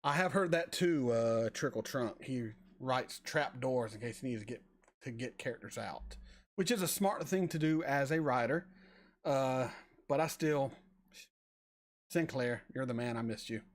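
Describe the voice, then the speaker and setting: A man in his forties chatting casually on a live stream, answering viewers and often stumbling over repeated words. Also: mid-range voice. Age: 40s. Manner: rambling, halting with repeated words. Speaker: reaction channel host reading chat.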